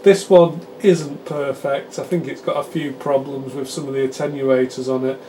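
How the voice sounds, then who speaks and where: A British man with a mellow, relaxed, mid-range voice gives a hands-on demonstration of radio repair equipment. His explanations are chatty and his phrasing halting. The low-quality recording carries faint room noise behind him.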